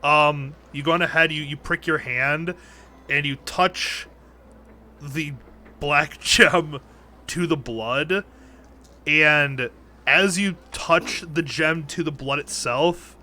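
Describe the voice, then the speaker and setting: A man narrating as dungeon master over a voice call, halting and restarting often. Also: on the high side, sharp tone. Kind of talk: running a tabletop game.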